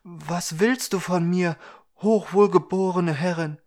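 A man voicing a selfish, quick-tempered young woodcutter who scolds and shouts. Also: fairly high pitch, voice pushed up. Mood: reverent.

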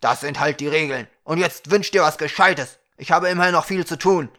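A man voicing a huge, fat, glowing fire creature, impatient and stubborn, gruff and insistent in a storybook reading. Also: a little high, fairly quick, pushed and bright. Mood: angry.

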